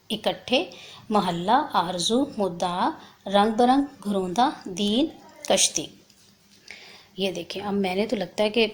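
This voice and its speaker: A woman from Pakistan teaching a primary school language lesson, explaining each exercise patiently step by step, checking in often, and reading word lists slowly and clearly. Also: medium pitch. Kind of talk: recorded class lesson.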